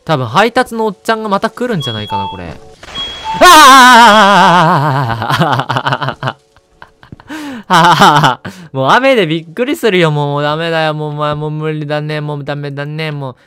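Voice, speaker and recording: A man's voice: fairly high pitch, lively intonation, a little slow, pushed and bright, smooth, dry recording. A man streaming a horror game, muttering to himself with startled outbursts.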